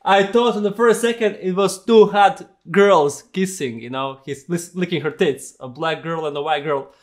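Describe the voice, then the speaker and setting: A man's voice: fairly high pitch, normal speed. A young man, a non-native English speaker, chatting casually and with plenty of swearing as the host of a reaction vlog. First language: not English. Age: young adult. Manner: profane, giggly, informal. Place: small home studio, indoors.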